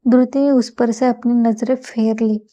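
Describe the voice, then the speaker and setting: Female audiobook narrator, mellow higher voice, steady scripted reading. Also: moderate pace, muffled recording.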